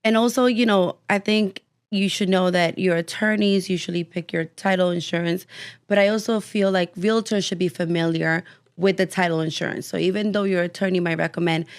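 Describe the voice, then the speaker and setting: A woman's voice: lowish voice, fairly even intonation, a little fast, clean tone. A young adult woman, a guest on a casual podcast, chatty and explaining with everyday examples. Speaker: title company guest.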